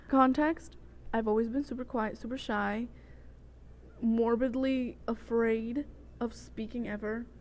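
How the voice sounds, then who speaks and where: A Salvadoran vlogger in her twenties tells a personal story in a chatty way, drifting into tangents and often checking in with the listener. Her voice is on the high side and a little mellow, with vocal fry, and the homemade vlog audio has noticeable noise.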